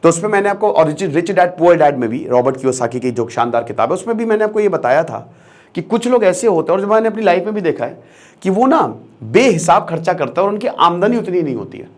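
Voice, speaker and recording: Young man, online educator, emphatic motivational lecture, slightly high voice, Hindi-English mix. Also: very animated, fast talker, a little mellow. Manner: emphatic, mixes Hindi and English, repeats key phrases.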